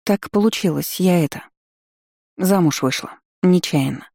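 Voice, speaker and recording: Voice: mid-range voice, unhurried, gravelly, darkish tone, no echo, studio quality. An audiobook reader voicing a flustered young woman who answers hesitantly and sheepishly.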